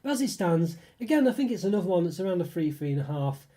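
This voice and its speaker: A UK food reviewer on YouTube, congested from a cold, speaks in a high, warm voice with big pitch swings and a quick pace. His casual live stream of snack reviews rambles on, full of hedging and fillers.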